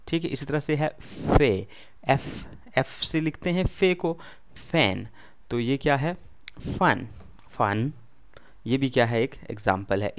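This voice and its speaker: A man with an Urdu accent teaches a first beginner lesson at an ordinary middle pitch. He explains slowly and patiently, repeating each word and putting questions back to the listener before answering them himself. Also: clear, resonant tone. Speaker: language teacher.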